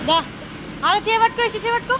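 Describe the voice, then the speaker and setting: A woman's voice: extremely high pitch, fast, background noise. A woman, chatting casually with family and giving brief instructions.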